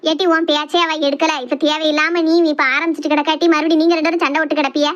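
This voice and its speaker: A bossy older mother-in-law, put on by a woman, grumbling and scolding in thick Kanyakumari Tamil. She talks fast, and her voice sits a little lower than the playful skit voices around her. She is a scheming comedy-skit character. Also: level tone, fairly bright tone, dull audio.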